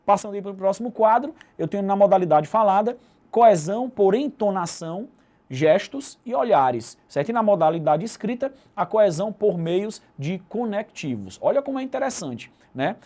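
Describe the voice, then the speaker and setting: A man's voice: high-pitched, animated, fairly quick, few pauses, warm tone. A Brazilian man with a Brazilian Portuguese accent giving a recorded video lesson, explaining step by step and closing nearly every phrase with a tag question. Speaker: teacher.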